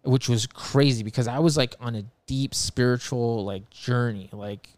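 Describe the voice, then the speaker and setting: A man's voice: medium pitch, moderate pace, darkish tone, dry recording. A man telling a story as a podcast guest, rambling and full of filler words, swearing a lot, earnest and emphatic. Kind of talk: casual chat.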